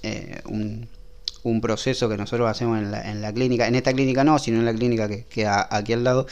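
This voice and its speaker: A man with an Argentine accent playing a hesitant male doctor in a comic sketch, halting with many filler sounds and restarts. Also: mid-range voice, level tone, a little mellow, smooth, lo-fi sound, natural voice. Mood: explaining. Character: hesitant male doctor explaining odd treatments.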